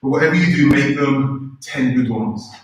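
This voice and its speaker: Picked up by a distant microphone in a very echoey indoor room, a man runs a live karate workout for beginners. He counts out the exercise commands and gives relaxed, encouraging directions in a mid-range voice at normal speed, with a little hiss or hum.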